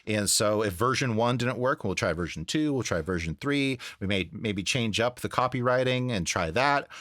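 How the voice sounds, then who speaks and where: A man talking casually in an interview about his work, earnest and a bit halting, repeating words for emphasis. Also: fairly low pitch, animated, a bit bright, no room sound, studio quality. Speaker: voice-over artist, interview guest. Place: home studio.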